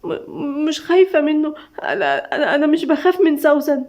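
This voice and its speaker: A woman playing a teasing Egyptian young wife, fast and high, dull lo-fi sound. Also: darkish tone, lightly acted. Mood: frightened. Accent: Egyptian Arabic. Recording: dull lo-fi recording.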